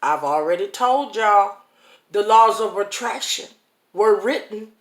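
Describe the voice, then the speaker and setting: This is a speaker giving a casual devotional talk, unhurried and folksy, often breaking into a chuckle. The pace is slow and drawn out. The recording is roomy and echoey. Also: medium pitch, expressive. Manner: folksy, chuckling, talks straight to viewers. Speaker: online inspirational speaker. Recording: roomy echo.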